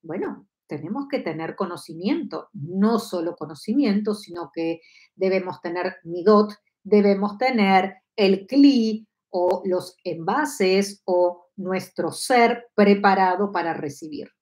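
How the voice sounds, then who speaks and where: A woman's voice: mid-range voice, takes it slowly, a little mellow. Argentine woman teaching a live lesson. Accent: Argentine Spanish. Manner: explanatory, asks listeners for agreement. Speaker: Kabbalah teacher. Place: home study with bookshelves. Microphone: lapel mic.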